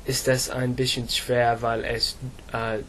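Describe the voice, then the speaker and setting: A teenage boy from England, an English speaker practising German, answering slowly with many fillers and pauses. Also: medium pitch, monotone, a bit bright, slight background noise. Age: teens. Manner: halting, slow, many fillers. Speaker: student.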